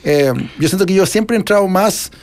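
A man's voice: high-pitched, a little fast, a little mellow. A middle-aged man with a Chilean accent, an author answering interview questions in a rambling, reflective way full of restarts. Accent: Chilean Spanish. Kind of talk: casual interview conversation.

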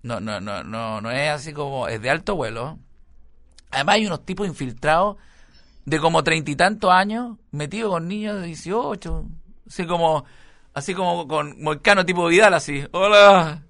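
A middle-aged man with a Chilean accent telling a rambling comic story about being a father, full of slang and loud acted-out voices. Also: on the high side, moderate pace, no room sound. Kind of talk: stand-up storytelling monologue.

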